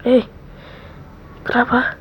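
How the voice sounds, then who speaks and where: A woman in a whispered role-play, soothing a friend softly and repeating comforting words close to the mic. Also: slow. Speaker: ASMR role-play creator. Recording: dull lo-fi mic with faint hiss.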